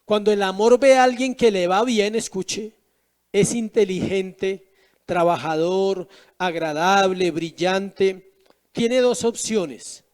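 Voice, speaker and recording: A man's voice: high-pitched, slow, darkish tone. A man preaching a sermon as pastor, asking rhetorical questions with emphatic rises and drops.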